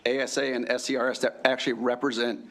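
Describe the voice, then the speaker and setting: A man's voice: mid-range voice, flat delivery, fast talker, fairly bright tone. A man answering questions at a formal hearing as an industry representative, assertive and explanatory.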